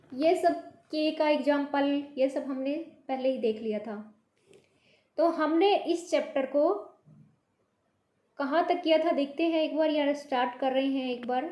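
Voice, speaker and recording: A woman teaching a Hindi class, patiently repeating each word slowly to show how it should sound. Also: high-pitched, darkish tone, reverberant. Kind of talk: online language lesson.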